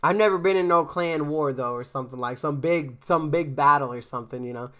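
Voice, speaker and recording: On a game stream, a man chats with viewers in a slightly high, somewhat bright voice, speaking a little fast. He meanders with fillers and restarts and sounds a bit congested from a cold.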